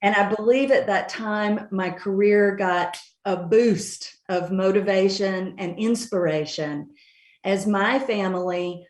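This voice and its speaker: A woman's voice: medium pitch, fairly even intonation, slow. A middle-aged woman with an Appalachian accent from Western North Carolina, answering conversationally as an interview guest. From Western North Carolina mountains, USA. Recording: roomy, echoing sound.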